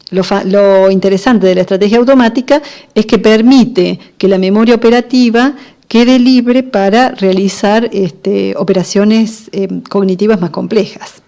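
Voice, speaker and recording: A woman giving a lecture on literacy, explaining step by step with frequent fillers and pauses. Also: medium pitch, steady tone, dark tone.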